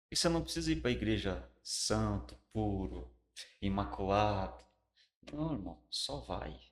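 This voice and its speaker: A middle-aged man with a Brazilian Portuguese accent, a pastor and guest, telling his personal testimony in casual, colloquial talk. He tells it with animation and drops to a hush for the solemn parts. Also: on the low side, lively intonation, moderate pace.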